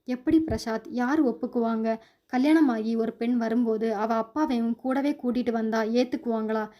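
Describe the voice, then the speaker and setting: A woman's voice: a little high, steady tone, normal speed, lo-fi sound, close to an everyday voice. A woman voicing a troubled, earnest young working woman in a spoken story.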